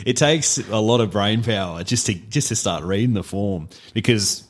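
A man's voice: lowish voice, normal speed. An Australian man co-hosting a podcast, chatting casually in a slangy, self-deprecating way. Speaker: podcast co-host. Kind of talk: casual chat.

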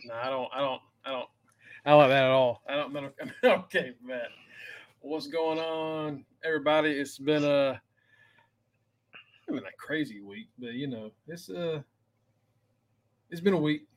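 A man's voice: a little high, measured pace, pauses often. A man co-hosting a podcast in casual, teasing banter, informal and prone to swearing. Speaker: podcast producer and co-host.

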